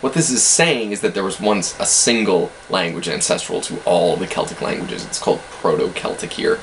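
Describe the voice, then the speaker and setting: A man's voice: sits low, normal speed, vocal fry, slight background noise, rough recording. A man casually explaining language facts in an educational video, hedging with self-deprecating asides.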